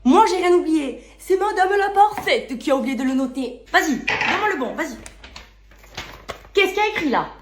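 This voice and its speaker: A woman voicing a harried waitress in a comedy sketch, quarrelsome and loud. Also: sits high, lively intonation, moderate pace, roomy sound, background noise, pitched above the performer's own voice. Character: harried waitress arguing with a coworker.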